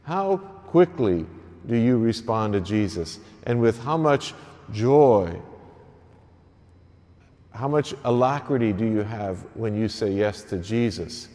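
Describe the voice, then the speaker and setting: A man's voice: fairly low pitch, lively intonation, slow pace, mellow. A man serving as a priest, reading the gospel and then preaching to an early morning Mass in a church. He speaks in an earnest, plain manner and sometimes repeats a word as he goes. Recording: long echoing church reverb.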